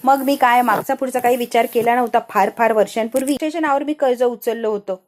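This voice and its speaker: Woman voicing a scheming middle-aged dad faking panic, wailing loudly to God, slightly high. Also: fast, close to an everyday voice. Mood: lamenting. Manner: loud wailing cries to God.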